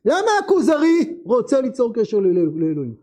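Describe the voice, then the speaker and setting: A male teacher leading a classroom text lesson, asking his students many questions in a lively way. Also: very high-pitched.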